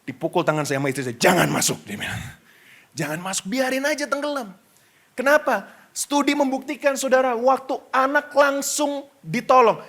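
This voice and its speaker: Male pastor, middle-aged, high-pitched, lively sermon with frequent asides to the congregation. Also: moderate pace. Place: church stage before a congregation.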